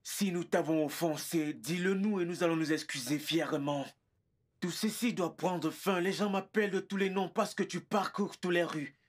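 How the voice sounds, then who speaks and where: A man's voice: high-pitched, normal speed. An actor dubbing a well-off son who anxiously pleads with his mother in a film drama. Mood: pleading. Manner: pleading, persuasive.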